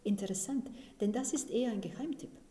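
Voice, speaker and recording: A woman voicing a bold, courtly old man who speaks gently and politely, in a roomy recording. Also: mid-range voice, brisk, voice pushed up, lightly acted.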